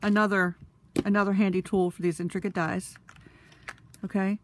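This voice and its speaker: Speaking at normal speed with a flat delivery, a woman whose nose is stuffy and sniffly shows off a craft tool, chatting casually with plenty of fillers as she works with her hands. Her mid-range voice comes with a slight hiss or hum.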